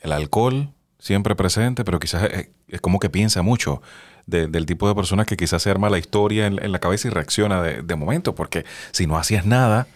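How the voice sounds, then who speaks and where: This is a man who interviews his guest with steady, empathetic questions. His voice sits very low. The sound is dry, with no room echo. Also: a little fast.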